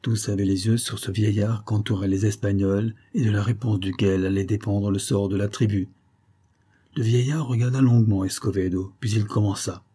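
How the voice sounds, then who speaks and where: A man narrating an adventure novel in a measured, dramatic reading. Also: on the low side, steady tone, mellow, slightly rough. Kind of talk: scripted audiobook narration.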